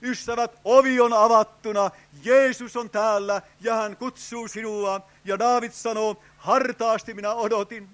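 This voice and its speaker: Fervent high-voiced older preacher. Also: male voice, fairly even intonation, a bit bright. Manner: fervent, with frequent drawn-out "oh" cries and direct appeals to "friends". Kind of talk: evangelistic sermon. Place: revival tent meeting.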